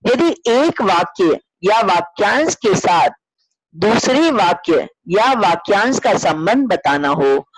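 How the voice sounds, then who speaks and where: A woman's voice: lowish voice, no echo, rough recording. A woman school teacher reading out a grammar lesson, explaining steadily and giving spoken examples.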